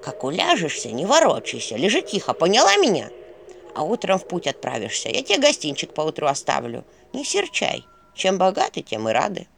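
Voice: medium pitch, wildly swooping pitch, brisk, vocal fry, fairly bright tone, slight background noise, heavily acted. A reader voicing a suspicious old village woman in a fairy tale, mumbling and bossy, with folksy speech. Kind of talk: audiobook character voice.

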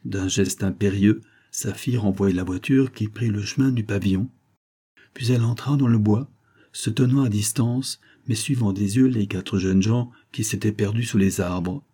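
A man reading a classic novel aloud in a measured, expressive narration. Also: fairly low pitch, husky. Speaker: audiobook reader. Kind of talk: audiobook narration.

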